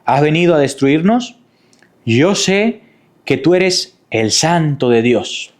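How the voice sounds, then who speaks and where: A man voicing an evil spirit that speaks through a possessed man, shouting menacing questions in a raised voice. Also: fairly high pitch, animated, slow pace. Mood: defiant.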